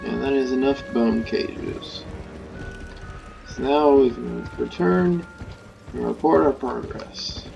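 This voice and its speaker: A man's voice: mid-range voice, slow, creaky, pauses often, muffled recording. A man giving casual, offhand let's play commentary as he plays a video game. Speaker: gaming video host. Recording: game music behind the voice.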